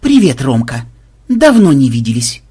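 A man's voice: medium pitch, wildly swooping pitch, normal speed, dark tone, slightly rough. A man voicing a gloomy, curt, sarcastic male vampire in a fantasy audiobook. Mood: sullen. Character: sullen cold male vampire programmer.

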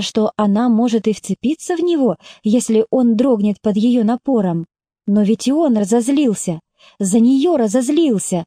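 A woman's voice: fairly high pitch, warm tone, no echo, studio quality. Woman narrating an audiobook. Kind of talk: scripted narration.

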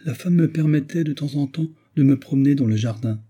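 A man reading the part of a gentle young wife and mother in a tender, pleading tone. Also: fairly high pitch, brisk, husky, voice pushed up.

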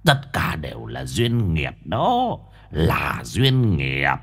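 A gruff old ghost master, played by a male narrator, lecturing slowly and cryptically. His low, husky voice swings widely in pitch, unhurried and ominous, like a voice from an audiobook ghost story. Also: wildly swooping pitch, a bit bright, full character voice. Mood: cryptic. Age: older. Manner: slow, gravelly mock-wise lecturing.

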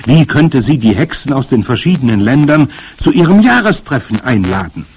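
A man reading aloud plays a spirited, determined old grandmother who speaks in a brisk, emphatic and commanding way. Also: mid-range voice, very animated, a little mellow, slightly rough, pitched above the performer's own voice. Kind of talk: audiobook character voice.

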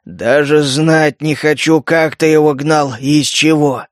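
Man doing a wounded four-armed mutant, hoarse, in pain, slow and blunt, dry sound. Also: a little high, fairly even intonation, no echo, natural voice. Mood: disgusted.

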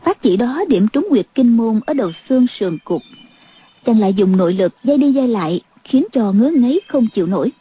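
Breathy woman narrating an audiobook. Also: fairly high pitch, a little fast. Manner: steady storytelling delivery. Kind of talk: scripted narration. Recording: dull lo-fi audiobook recording.

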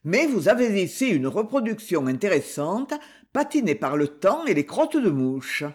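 A man reading the part of an ironic, condescending auctioneer with a husky voice and mock-grand sales patter. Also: sits high, very animated, normal speed, a little mellow, heavily acted. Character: ironic condescending male auctioneer, middle-aged.

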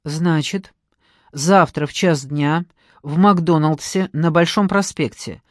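A woman's voice: lowish voice, lively intonation, a little slow, darkish tone, no echo, studio quality. A woman reading an audiobook, voicing a stern middle-aged woman who talks in an indignant, curt, commanding way.

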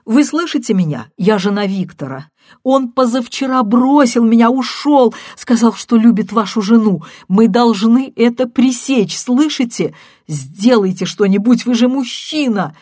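A woman's voice: expressive, measured pace, darkish tone, dry recording, studio quality. A woman reading an audiobook and voicing a distraught, deserted wife who pleads and sobs on a phone call. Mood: frantic, tearful. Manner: shrill, pleading, sobbing.

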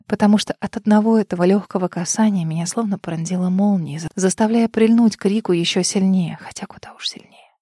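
A woman narrating a first-person romance novel as an audiobook, intimate and expressive, sometimes dropping to breathy whispers. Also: medium pitch, a little fast, no room sound, studio quality.

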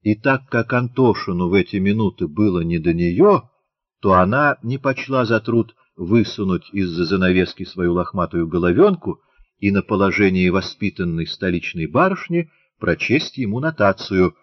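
Low male audiobook reader, measured, dry and dull sound. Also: lively intonation, no room sound. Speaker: narrator. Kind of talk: audiobook narration.

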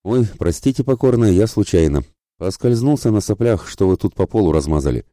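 A man voicing a cheeky young male scribe, the prince's nephew, in an audiobook, sounding mockingly polite with a sharp edge of anger. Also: rumbling low, fairly even intonation, fast, no room sound, clean studio sound. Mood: mock polite. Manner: mockingly polite, then angry.

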